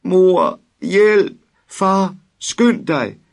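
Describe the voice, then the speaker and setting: A man's voice: high voice, lively intonation, vocal fry, pitched above the performer's own voice. A man voicing a terrified young boy who stammers, pleads and cries out for help. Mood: screaming for help.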